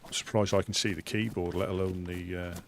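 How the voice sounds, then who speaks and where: Low-voiced Suffolk man, rambling casually. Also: flat delivery, gravelly, a little hiss or hum. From Suffolk, England. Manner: rambling, hesitant, halting mid-sentence. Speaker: live streamer. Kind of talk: casual live game-stream chat.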